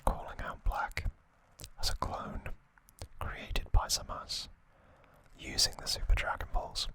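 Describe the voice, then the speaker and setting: Here, an anime saga is summarized in a slow, breathy, unvoiced whisper close to the microphone. The speaker hosts an ASMR trivia channel and gently repeats words for effect, never hurrying.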